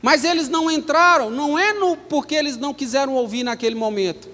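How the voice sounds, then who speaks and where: A man's voice: very high voice, brisk, bright, forceful tone, big-room sound. A man with a Brazilian Portuguese accent preaching a sermon as pastor. He speaks emphatically and keeps asking the congregation rhetorical questions. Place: church.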